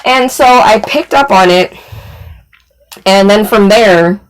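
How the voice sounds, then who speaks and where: A woman's voice: medium pitch, slow, very noisy. A woman vlogger telling a personal story in a rambling, casual way, full of "like" fillers and swearing.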